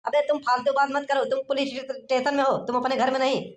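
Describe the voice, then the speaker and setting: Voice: high voice, flat delivery, fast talker, close to an everyday voice. A performer voicing a bossy, curt police inspector in a cartoon comedy, barking orders and mocking people. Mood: gruff. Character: gruff, lazy small-town police inspector.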